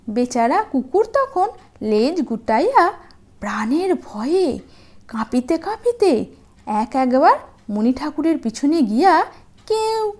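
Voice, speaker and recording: A woman's voice: high-pitched, darkish tone. A woman storyteller reading expressively for young children, with a sweet, sing-song way of addressing them. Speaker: storyteller hosting a children's channel.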